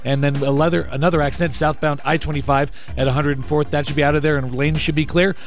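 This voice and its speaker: Rapid, higher-voiced male traffic reporter. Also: flat delivery.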